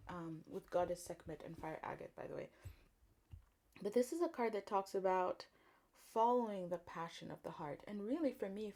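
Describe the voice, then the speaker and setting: A woman from Congo giving a spiritual tarot card reading in a gentle, thoughtful way, often pausing with fillers. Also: medium pitch. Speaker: tarot reader.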